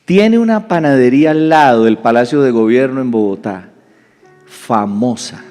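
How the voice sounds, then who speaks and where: A male pastor preaching a sermon as an animated storyteller who acts out the voices in his story. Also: mid-range voice, normal speed. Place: church sanctuary. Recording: reverberant church hall, soft music.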